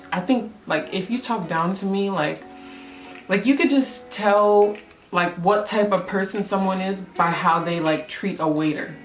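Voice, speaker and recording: A young woman tells a casual story in a somewhat low voice, stringing her thoughts together with plenty of "like" and "um." The room around her is echoey. Music plays clearly underneath her. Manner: chatty, lots of "like" and "um", acts out quotes. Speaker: photographer vlogger. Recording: roomy echo with music underneath.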